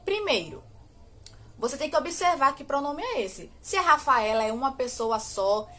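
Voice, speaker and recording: Teacher, Brazilian woman, fairly high voice, patient drilling tone, stretches example sentences slowly. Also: animated, bright, forceful tone. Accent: Brazilian Portuguese. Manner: slow, drawn-out model English sentences between quick explanations; asks rhetorical questions, frequent "ok?". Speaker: English teacher. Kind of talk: recorded online grammar lesson.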